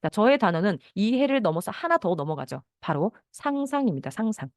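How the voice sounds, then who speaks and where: Lively fast-talking woman counselor. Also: mid-range voice, no echo, clean studio sound. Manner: lively, acts out parent and child lines. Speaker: counselor and parenting mentor. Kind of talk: lecture on parenting talk.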